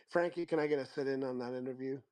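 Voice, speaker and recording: A man hosting a casual livestream chat, relaxed and rambling, often trailing off and restarting his sentences. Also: medium pitch, normal speed. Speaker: show host.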